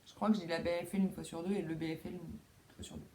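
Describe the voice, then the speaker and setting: A woman's voice: lowish voice, fairly even intonation, quick pace, darkish tone, a little hiss or hum. Chatty woman hosting a knitting podcast. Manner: chatty, self-deprecating, many fillers and restarts. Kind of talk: casual chat. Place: home room with window.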